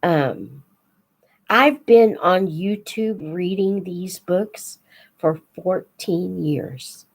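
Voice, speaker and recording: An older woman with a fairly low voice hosts a live children's book read-aloud channel. She chats with her young viewers in a relaxed, thoughtful, homespun way, never rushing.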